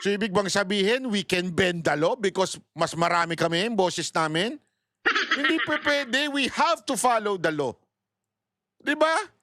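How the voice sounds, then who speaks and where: A man's voice: high-pitched, expressive, a little slow, pushed and bright, no room sound, clean studio sound. A male vlogger giving mocking, sarcastic political commentary, laughing often and taunting his opponents.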